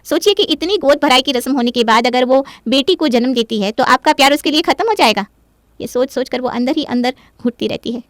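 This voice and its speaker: A woman's voice: high voice, a little fast, no echo, clean studio sound, close to an everyday voice. A woman voicing a loving middle-aged mother speaking heartfelt words about her daughter in a moral story. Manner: heartfelt, speech-like.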